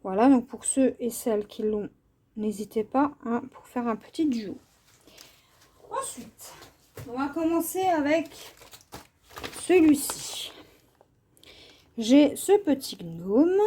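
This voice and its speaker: A woman from France hosting a casual craft vlog, taking her time over each item. Her voice sits a bit high but sounds soft and mellow. She hesitates often, filling gaps with small fillers as she goes. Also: lively intonation. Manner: unhurried, hesitant with many fillers. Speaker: craft channel host. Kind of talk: casual show-and-tell vlog.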